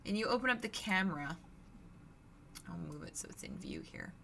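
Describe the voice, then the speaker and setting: A woman instructor giving a recorded lecture, explaining in a relaxed, conversational way, her voice scratchy and hoarse. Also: lowish voice, moderate pace. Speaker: university instructor.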